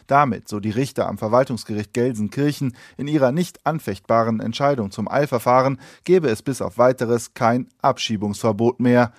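A man's voice: mid-range voice, normal speed, hardly any pauses, no echo. Male radio correspondent, dry studio. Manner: factual, even reporting. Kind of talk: news report.

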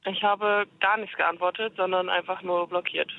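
A woman calls into a radio show on a hands-free phone from her moving car, giving short, hesitant answers full of fillers. Her voice is on the low side with vocal fry, fairly even intonation and normal speed. The call-in chat comes through a dull, lo-fi phone line from the road.

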